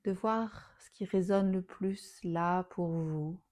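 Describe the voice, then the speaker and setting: A woman with a lowish voice guides a yoga nidra relaxation meditation, soothing and unhurried, letting the ends of her phrases trail softly toward a whisper.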